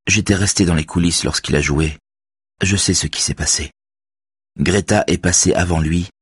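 A grieving man speaks in tense, broken phrases, voiced by a male reader. The voice is very deep and husky, recorded dry and close. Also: no room sound. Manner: tense, halting.

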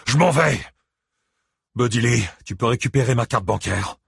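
A man voicing a furious, hot-tempered male ex-convict in an audiobook, barking shouts and bitter mutters. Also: medium pitch, steady tone, brisk, vocal fry, breathy edge, no room sound, clean studio sound, voice pushed up, exaggerated voice. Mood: enraged.

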